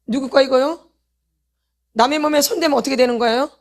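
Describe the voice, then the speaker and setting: With a high, darkish voice and a brisk delivery, a woman preaches at a healing meeting she leads as a pastor's wife. She speaks right to the congregation, asking rhetorical question after rhetorical question and calling them to repentance.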